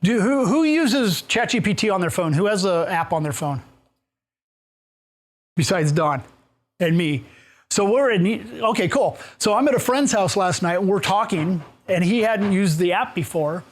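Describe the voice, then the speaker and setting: A man with a fairly high voice leads a live workshop in a meeting room. He talks casually with plenty of fillers and restarts, often putting questions to the audience as he walks about the room. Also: lively intonation, a little slow. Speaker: workshop presenter. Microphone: room mic, moves around while talking.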